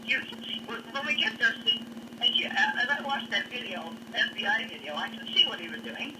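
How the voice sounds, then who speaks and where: A woman giving an urgent, halting eyewitness account, repeating herself and restarting as she talks. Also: fairly high pitch, animated. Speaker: eyewitness interviewee. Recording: distant mic with clear background noise.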